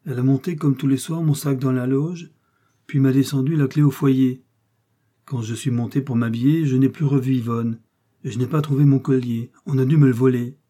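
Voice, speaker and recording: A man reading the lines of an agitated young female circus rider in a raised, quick voice. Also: fairly even intonation, warm tone, close to an everyday voice. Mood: furious. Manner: agitated, quick, high-pitched.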